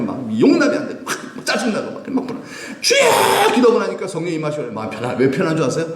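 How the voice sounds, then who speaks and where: In a church sanctuary with an echoey sound, a male pastor with a mid-range voice delivers a Sunday sermon. His preaching is animated, and he puts questions to the congregation and then answers them himself.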